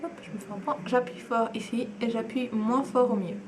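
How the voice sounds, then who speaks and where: A woman's voice: fairly high pitch, steady tone, fairly quick, background noise. Chatty young woman. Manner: chatty, enthusiastic, with fillers and asides. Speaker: beauty vlogger. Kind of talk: casual makeup tutorial.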